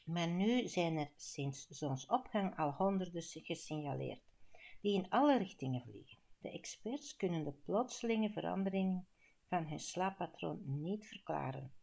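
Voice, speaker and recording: A woman's voice: on the low side, lively intonation, unhurried, vocal fry, a little mellow, husky, full character voice. A woman doing a formal male newsreader. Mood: announcing. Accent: Flemish. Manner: formal, announcing.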